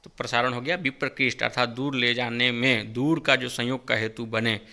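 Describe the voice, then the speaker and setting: A man's voice: mid-range voice, level tone, moderate pace, sharp tone. A male tutor running an exam-prep lecture, asking questions and answering them himself, correcting himself as he goes. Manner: quizzing, asks then answers, self-correcting.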